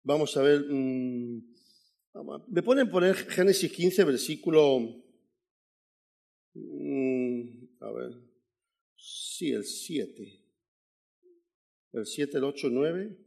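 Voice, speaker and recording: A man preaching as a guest in a church, telling his testimony in an animated way and calling out "amen" to the congregation. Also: a little high, takes it slowly, creaky, pauses often. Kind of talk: sermon with personal testimony.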